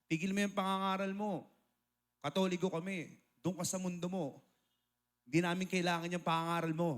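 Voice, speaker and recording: A man's voice: little pitch movement, normal speed. A male preacher voicing an irritated middle-aged aunt who scolds someone in a raised voice. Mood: indignant. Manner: scolding, shrill protest.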